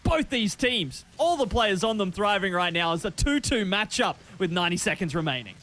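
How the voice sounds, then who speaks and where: A man casting an esports match, calling plays quickly with frequent restarts. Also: high voice, big pitch swings, a bit bright. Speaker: esports caster. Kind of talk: esports play-by-play commentary.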